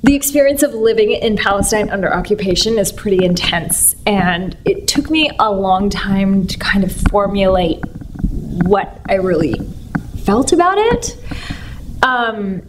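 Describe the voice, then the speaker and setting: A woman from San Francisco talks about her stage work in a casual interview. She rambles in a chatty way, with plenty of fillers. Her voice is mid-pitched, with faint noise behind it. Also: lively intonation, measured pace. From San Francisco, United States.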